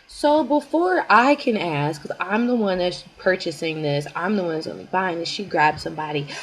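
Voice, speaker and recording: Young woman vlogger, casual storytime delivery, chatty and rambling, lively up-and-down pitch. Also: moderate pace, poor audio. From United States. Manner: chatty, rambling, constant "like" fillers.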